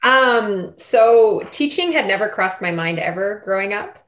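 A woman's voice: medium pitch, expressive, a little slow, a bit bright. Earnest woman teacher, reflective chat. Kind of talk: casual interview chat.

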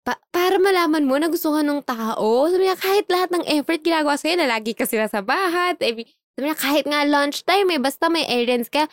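Animated high-voiced young woman. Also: brisk, no room sound, clean studio sound. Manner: animated, laughs often, acts out quoted dialogue. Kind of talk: casual storytelling chat.

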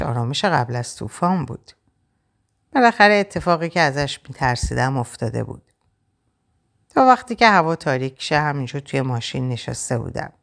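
A woman narrating a novel in the first person, in a quiet, reflective, measured way. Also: low-pitched, creaky. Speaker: audiobook narrator.

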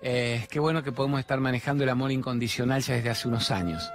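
A man in his fifties with an Argentine accent, hosting a spiritual talk show and delivering an animated monologue full of rhetorical questions. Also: mid-range voice, quick pace. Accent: Argentine Spanish. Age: 50s.

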